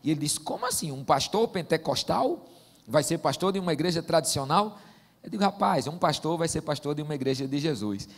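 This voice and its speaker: A man's voice: fairly high pitch, sing-song, brisk. Folksy northeastern pastor in his forties. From Northeast Brazil. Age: 40s. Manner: warm joking storyteller, folksy asides. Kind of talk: sermon. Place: church sanctuary. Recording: long church-hall reverb.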